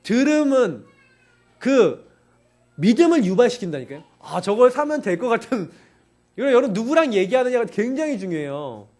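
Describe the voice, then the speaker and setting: A man preaching a sermon, pressing his points home with repeated, urgent appeals to his listeners. His voice sits high for a man and rises and falls in wide, lively swings. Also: moderate pace. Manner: emphatic, insistent, urging listeners repeatedly. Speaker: pastor.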